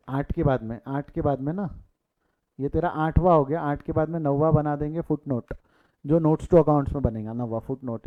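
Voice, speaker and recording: A man teaching accounting in a live online class, repeating key figures and urging students to answer in the chat. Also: medium pitch. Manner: mixes English terms, repeats key figures, urges students to reply in chat. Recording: tinny phone-like audio.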